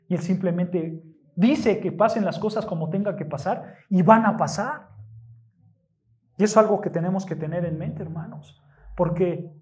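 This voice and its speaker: In a church, a preacher delivers a sermon to the congregation, speaking emphatically, stressing key words, asking rhetorical questions, and frequently addressing the listeners. The voice is medium in pitch and a little mellow.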